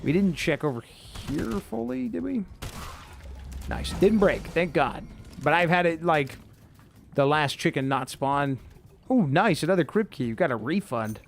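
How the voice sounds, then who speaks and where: A laid-back young American man chats with his viewers as he plays, his voice pitched a little high for a man. He swears freely and keeps it easygoing. Faint game music plays underneath. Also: big pitch swings, a little slow, creaky. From United States. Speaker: streamer. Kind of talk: casual gameplay commentary.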